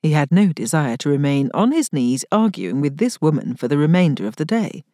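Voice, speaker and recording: A woman narrating a historical romance novel in an expressive, scripted reading style. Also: low voice, brisk, no echo, clean studio sound. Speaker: audiobook narrator.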